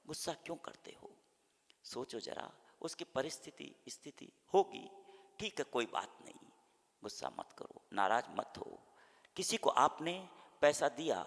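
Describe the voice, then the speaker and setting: A man preaching a sermon as a monk, with a gravelly, bright, slightly high voice. He swings from loud acted-out outbursts to hushed, almost whispered counsel. His voice rings with a long echo, as if in a large hall. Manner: animated, acts out angry quotes then drops to soft near-whispers.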